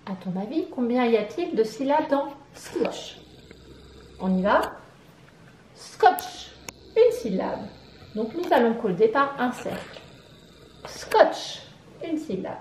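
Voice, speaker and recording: A woman with a French accent, teaching syllables to a young child, clapping out each syllable slowly and asking questions. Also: a little high, animated, a little mellow, echoey room, slight background noise. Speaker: preschool teacher. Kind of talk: slow, sing-song phonics lesson for young children.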